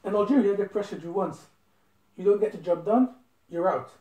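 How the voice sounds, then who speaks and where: Young man, high-voiced, roomy and distant. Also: fairly quick, mellow. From Belgium. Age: 20s. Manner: earnest, repeats points for emphasis. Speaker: interview guest. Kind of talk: casual interview. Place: living room indoors. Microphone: phone camera across a table.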